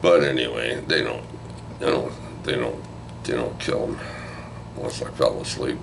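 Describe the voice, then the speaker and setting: An older man with an extremely deep, low-pitched voice recaps a film for his video channel. He rambles loosely, swears freely and keeps checking in with the listener. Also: a little slow, vocal fry, noisy background. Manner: rambling and profane, with frequent "right?" asides. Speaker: movie review host.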